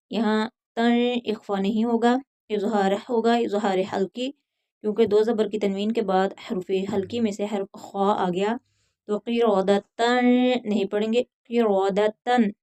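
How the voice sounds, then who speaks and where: A woman teaching tajweed, reciting verses in a drawn-out chant and then explaining each letter rule in quick spoken lines. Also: medium pitch, a little mellow. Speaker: Quran teacher.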